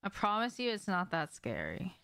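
Gravelly and sharp yet clean in tone, this young woman's lowish voice swoops wildly in pitch at a moderate pace. She's casually livestreaming a game from a small home room, cursing freely, talking to viewers and responding to what happens on screen.

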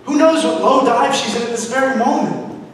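A man's voice: very high voice, normal speed, slight background noise. A teenage actor playing a flustered, pleading mama's boy in a school musical. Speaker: stage actor. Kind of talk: high school musical stage acting. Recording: echoey auditorium from far off.

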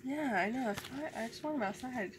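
A teenage girl playing a game with her sister, playful and quick to laugh. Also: high-pitched, a crowd in the background. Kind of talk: casual gameplay chat. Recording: loud background noise, clicks.

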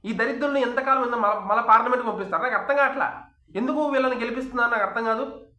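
Man, Telugu accent, political rant, rhetorical questions, sharp tone, echoey room. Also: very high voice, very fast. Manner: heated, scolding, rhetorical questions. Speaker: political YouTube commentator. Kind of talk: angry political opinion monologue.

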